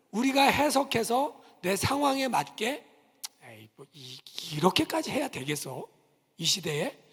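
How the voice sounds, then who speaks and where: In a church sanctuary with long reverb, a middle-aged pastor preaches a sermon, telling stories with animation and acting out the voices of the people in them. His voice is high with a breathy edge.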